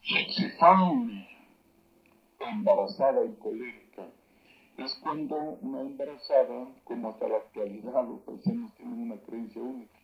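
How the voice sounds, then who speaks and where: A man teaching words of an old local language, saying each word slowly and loudly and then explaining its meaning. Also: mid-range voice, highs cut off. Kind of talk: spoken vocabulary lesson.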